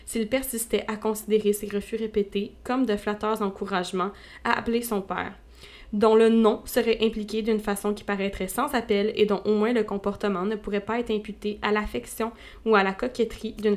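A woman podcast host reading a classic novel aloud as audiobook narration, steady with playful asides. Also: medium pitch, moderate pace.

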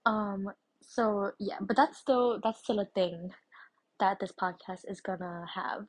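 A woman hosting a casual solo podcast, sounding stoned and scattered, with a husky, slightly breathy voice. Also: medium pitch, unhurried, low-quality recording. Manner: stoned, giggly and scattered, losing her thread. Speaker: podcast host.

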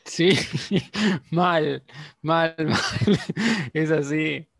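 A man's voice: fairly high pitch, extremely slow, gravelly, a bit bright, no room sound, clean studio sound. A man with a Rioplatense Spanish accent, co-hosting a podcast in casual chat, often chiming in with agreement.

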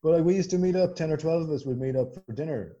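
A man with a west of Ireland accent, telling stories as a chatty, animated guest in a casual conversation. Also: on the high side, fast talker, lo-fi sound. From Galway, west of Ireland. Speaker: podcast guest.

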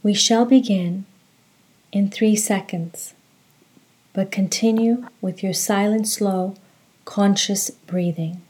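A woman leading a guided meditation, giving calm, measured instructions and reciting. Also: mid-range voice, poor audio.

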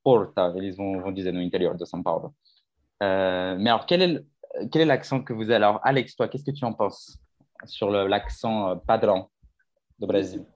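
A man leads a French conversation class in a lowish voice, explaining topics at length. He stops often to put questions to his students. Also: a little fast. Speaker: French teacher.

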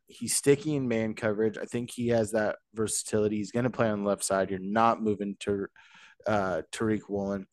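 A man hosting a casual sports podcast, talking in an animated, joking way with rambling asides. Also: fairly low pitch, no echo. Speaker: podcast host.

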